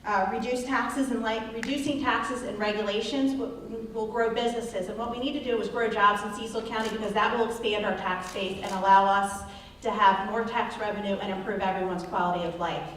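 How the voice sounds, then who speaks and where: Woman candidate, earnest, hesitant ums, heard from across a boomy hall. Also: steady tone, brisk, a bit bright, slight background noise. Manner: earnest, with frequent ums and restarts. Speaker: council candidate. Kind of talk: candidate forum answers. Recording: echoey hall, distant mic.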